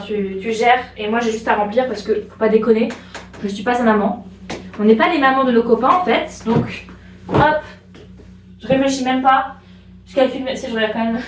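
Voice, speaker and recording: A young woman from France chatting in a casual home vlog, bubbly and gushing, repeating herself with excitement. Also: a little high. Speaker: vlogger. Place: room at home. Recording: echoey room, faint background hiss.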